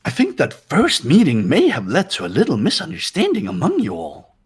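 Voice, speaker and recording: This fan voice acting of a visual novel game features a man as a robot bear headmaster, exaggerated and pitched above his own voice, on the high side with a breathy edge. He speaks briskly with huge, sing-song pitch swings, theatrical, gleefully menacing and mocking. Faint music plays behind, and the tone is smug and teasing.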